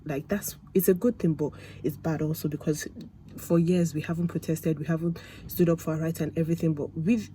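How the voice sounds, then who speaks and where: Young woman vlogger, rambling and casual, warm dark tone, slight room noise. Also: low-pitched, fairly even intonation, a little fast, low-quality recording. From Nigeria. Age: young adult. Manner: chatty, rambling, with many fillers. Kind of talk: casual talk to camera.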